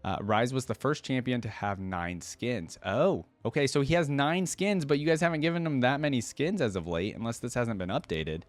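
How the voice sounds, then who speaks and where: A man hosts a reaction video, reading text aloud and commenting on it informally, calling viewers "guys" and "dude." His voice is mid-range, at normal speed with few pauses, and there's no echo.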